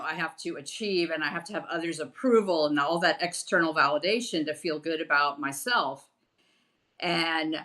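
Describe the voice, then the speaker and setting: A woman's voice: lowish voice, pushed and bright. A middle-aged woman, a former pastor, speaking candidly and frankly in a casual conversation. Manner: candid, frank, laughs easily. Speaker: guest.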